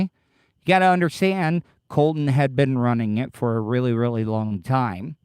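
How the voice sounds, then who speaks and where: A man hosting a casual livestream, talking haltingly and defensively with profanity, his speech slightly slurred as if his lip is full of dip. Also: medium pitch, darkish tone, clean tone, no room sound, clean studio sound. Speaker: podcast livestream host. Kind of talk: casual livestream chat, answering live commenters.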